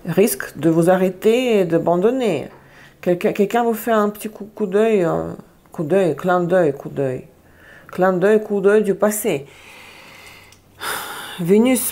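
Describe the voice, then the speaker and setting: A woman's voice: fairly low pitch, a little mellow. A woman giving a casual tarot reading, chatty, often searching for words and repeating herself. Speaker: tarot reader.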